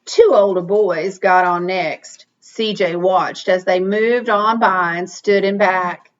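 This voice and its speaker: Woman, slow and deliberate picture-book reader, expressive delivery, muffled lo-fi sound. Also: medium pitch. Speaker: read-aloud reader. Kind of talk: expressive picture-book read-aloud with asides to children.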